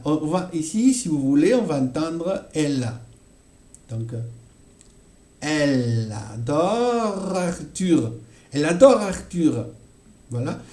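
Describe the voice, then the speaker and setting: A man teaching a French grammar lesson at an unhurried pace, in a mellow, dark voice. He keeps checking that his listeners follow and repeats each example phrase slowly. The room around him is echoey. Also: a little high, animated. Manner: frequent check-ins with "d'accord?" and "voilà".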